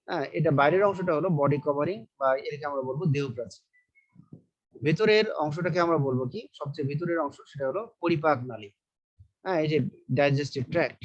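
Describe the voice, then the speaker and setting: Male biology teacher with a fairly high voice, repetitive question-and-answer lecturing, muffled lo-fi recording. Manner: repeats key terms, asks and answers his own questions. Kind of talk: online lecture.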